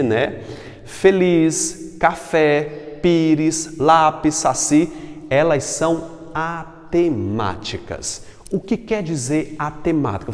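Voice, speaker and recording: A man from Brazil, a Portuguese teacher, giving a recorded class, lively, asking and answering his own questions. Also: medium pitch, in a large hall.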